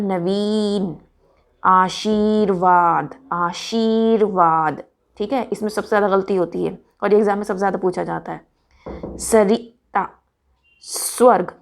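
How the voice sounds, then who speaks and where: A woman teaching a Hindi grammar lesson for children, pronouncing each word slowly and deliberately. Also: medium pitch, gravelly, darkish tone. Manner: slow and deliberate, drawing out words.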